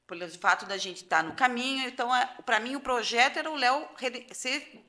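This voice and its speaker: A woman's voice: a little high, brisk, pushed and bright. A middle-aged Brazilian woman, the seminarian's mother, speaking heartfelt and emphatic on a podcast, close to tears. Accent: Brazilian Portuguese. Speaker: guest mother. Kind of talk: emotional personal testimony.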